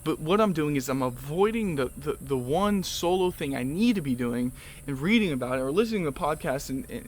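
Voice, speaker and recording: A man's voice: mid-range voice, a little hiss or hum. Rambling young man vlogging. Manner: rambling, lots of fillers and restarts, swears. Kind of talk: casual motivational monologue to camera.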